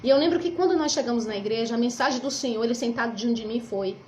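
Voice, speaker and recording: Middle-aged woman, Brazilian Portuguese accent, high voice, emotional religious testimony, faint background hiss. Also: quick pace, darkish tone, rough recording. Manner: emotional storytelling, quoting others. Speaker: mother giving a testimony.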